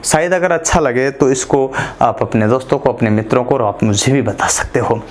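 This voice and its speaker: A man's voice: medium pitch, expressive, a little fast, slight background noise. A man from Rajasthan giving career advice to his community in an informal talk, asking rhetorical questions, answering them himself and repeating points in long lists. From Rajasthan, India. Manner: repetitive, list-like, addresses listeners as friends.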